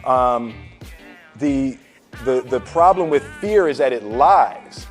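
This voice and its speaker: A man's voice: mid-range voice, takes it slowly, faint music behind. A man casually telling a story to an audience, acting out the voices of the people in it in a loose, slangy way. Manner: animated, acts out the voices in his story.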